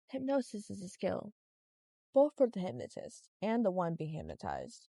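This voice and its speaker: A woman hypnotist speaking directly to the listener, moving back and forth between a slow, soft hypnotic voice and a cheerful everyday one. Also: mid-range voice, huge pitch swings, vocal fry, no room sound. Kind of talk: soothing hypnosis talk.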